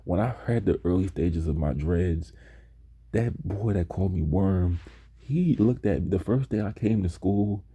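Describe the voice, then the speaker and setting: A young man casually telling stories about high school, laid back and slow, now and then mimicking his classmates' voices. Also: warm tone, slightly rough. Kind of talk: casual storytelling.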